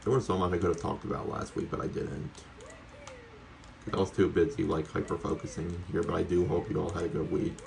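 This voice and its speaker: A man's voice: low-pitched, flat delivery, brisk, vocal fry, darkish tone. A man giving casual, chatty, rambling gameplay commentary as a streamer talking to his viewers. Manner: casually sweary. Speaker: video game streamer.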